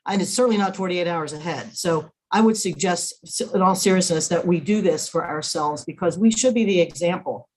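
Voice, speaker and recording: A woman's voice: lowish voice, low-quality recording. An American woman legislator making earnest, emphatic off-the-cuff remarks in committee, repeating words for stress.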